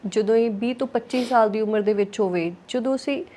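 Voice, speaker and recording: A woman's voice: on the high side, brisk, mellow. A woman interviewer with a Punjabi accent, talking conversationally in long, chatty questions with frequent tag questions.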